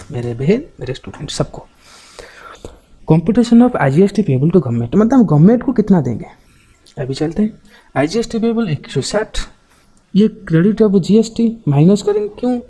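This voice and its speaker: A man's voice: sits high, dark tone, rough recording. A man teaching an online accounting class, talking in a chatty, joking way and often checking back with his students. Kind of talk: informal classroom lecture.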